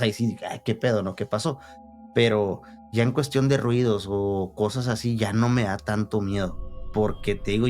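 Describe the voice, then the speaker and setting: Mexican guy, lowish voice, rambling about spooky stuff on a podcast, slangy, faint music under it. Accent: Mexican Spanish. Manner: rambling, slangy, many restarts and fillers. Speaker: podcast guest. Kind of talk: casual storytelling chat.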